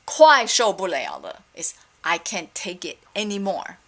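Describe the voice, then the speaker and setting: A woman's voice: fairly low pitch, wildly swooping pitch, unhurried, creaky, a bit bright. A middle-aged woman from Taiwan, ranting casually in a vlog with many fillers and an exasperated manner. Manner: rambling, exasperated, frequent fillers. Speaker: vlogger. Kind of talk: casual opinion rant.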